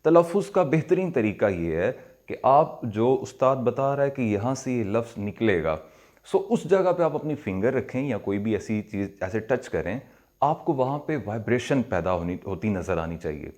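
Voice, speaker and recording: A man with a Pakistani accent gives a recitation lesson at a middle pitch for a man. He talks through each sound step by step, slowing down to stretch and repeat syllables, and drops English words into his explanations. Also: very animated, a little mellow. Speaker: Quran recitation teacher. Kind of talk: pronunciation lesson.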